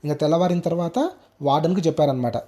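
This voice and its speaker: Fast-talking man telling a ghost story. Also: a little high. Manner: animated, acts out quoted speech. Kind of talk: first-person ghost story narration.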